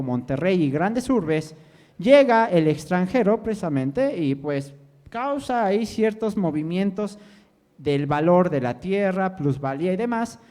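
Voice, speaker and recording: A man's voice: high voice, a little mellow. A man giving a lecture as a language teacher, constantly checking in with the audience and joking with them. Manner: quizzes the audience with constant "¿sí?" and jokes. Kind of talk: interactive lecture to students.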